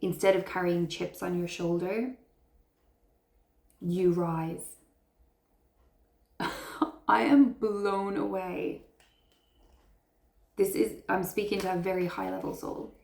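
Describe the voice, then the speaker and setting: A woman's voice: fairly low pitch, expressive, takes it slowly, long pauses, a little mellow, roomy sound. A woman giving an intuitive tarot reading to her viewers, speaking in an earnest, affirming way and heaping praise on them. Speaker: tarot reader.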